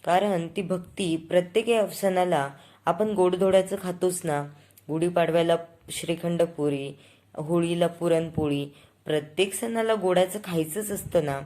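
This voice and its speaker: Sulking, reproachful young wife for a storybook retelling, read by a woman, lowish voice. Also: measured pace, dark tone, lightly acted. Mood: explaining. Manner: complaining, reproachful.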